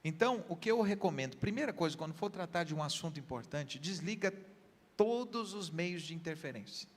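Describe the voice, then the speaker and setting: A man's voice: on the high side, animated, fairly quick, big-room sound. A man with a Brazilian Portuguese accent, a pastor, giving earnest counseling advice with everyday examples on a church program. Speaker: pastor, guest.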